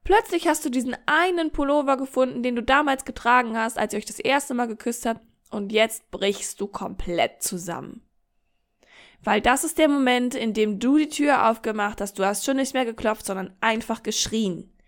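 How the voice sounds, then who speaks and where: A woman's voice: fairly high pitch, moderate pace. A woman hosting a podcast monologue, speaking straight to the listener in an encouraging, vivid way and acting out little scenes. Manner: warm, encouraging, direct address. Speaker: podcast host, coach.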